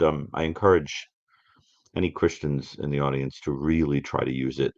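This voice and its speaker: A man appears as a guest expert in a live-stream conversation, speaking reflectively in a musing yet emphatic way, halting and repeating phrases. His voice is a rumbling low, and the muffled recording has no room sound.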